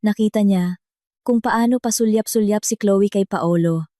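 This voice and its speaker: A woman narrating a drama story in a slow, even storytelling manner. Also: medium pitch, no room sound, clean studio sound. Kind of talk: scripted narration.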